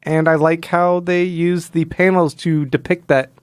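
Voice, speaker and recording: The podcast host's voice sits on the high side, clear and resonant, with little pitch movement and an unhurried pace. The recording is dry and studio quality. He chats casually and analytically about comic books, acting out the quotes as he recounts events.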